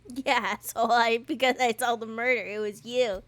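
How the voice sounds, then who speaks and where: High-voiced woman doing gameplay commentary. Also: steady tone, normal speed, a bit bright. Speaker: gaming video host.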